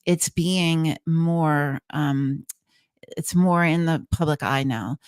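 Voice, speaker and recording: A woman's voice: low voice, slow, a little mellow, smooth, no echo, studio quality. A woman speaking as an interview guest, explaining things conversationally in earnest, emphatic short phrases. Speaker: guest, trance channeler.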